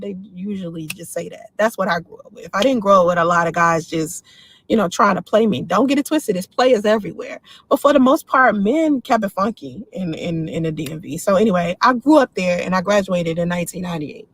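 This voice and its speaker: Answering viewer comments on her casual livestream, this D.C.-area woman in her forties says exactly what she thinks. Her voice sits at medium pitch, and there's no room sound.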